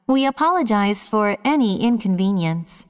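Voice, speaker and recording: A woman's voice: mid-range voice, expressive, smooth, in a large hall. Woman announcing over a ship intercom. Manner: formal, measured announcing. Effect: over the ship's intercom. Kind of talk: scripted public announcement.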